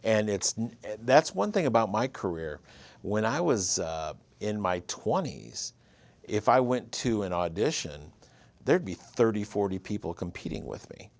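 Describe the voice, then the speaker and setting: Here the Michigan man in his fifties speaks in a lowish voice with vocal fry, very animated yet measured in pace, and there's no echo. As a writer-producer guest in a casual interview, he tells his story with easy charm.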